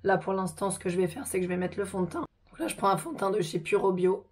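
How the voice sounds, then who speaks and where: A woman with a sore throat hosts a casual makeup tutorial, talking in a chatty, informal way with a hoarse voice. She speaks fast at a medium pitch with little variation.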